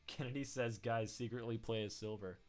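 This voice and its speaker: A man's voice: lowish voice, fairly even intonation, fairly quick, darkish tone. A man chatting casually as he hosts a gaming stream and reads viewer comments. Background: game music.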